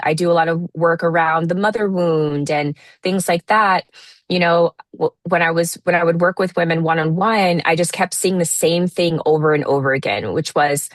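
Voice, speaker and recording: A woman in her thirties talking in a relaxed, reflective way as an interview guest, often restarting her sentences. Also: lowish voice, no echo. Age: 30s. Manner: reflective, many restarts and fillers. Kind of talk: casual interview talk.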